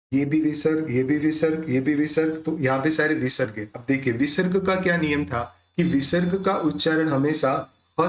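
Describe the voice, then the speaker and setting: A man teaching pronunciation of a devotional hymn, explaining patiently and then reciting its verses slowly, syllable by syllable. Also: a little high, roomy sound. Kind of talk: pronunciation lesson with slow chanted recitation.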